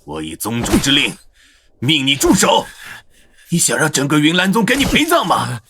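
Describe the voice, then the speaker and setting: A man voicing a harried sect master in an animated series, commanding to his own people and fawning to the stronger. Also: a little high, moderate pace, noisy background. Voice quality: commanding, then grovelling to the stronger.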